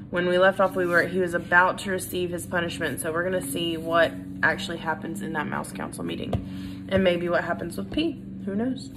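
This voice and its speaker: A woman's voice: lowish voice, noisy background. A woman reading a children's book aloud, with casual, friendly asides to her listeners. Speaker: reader.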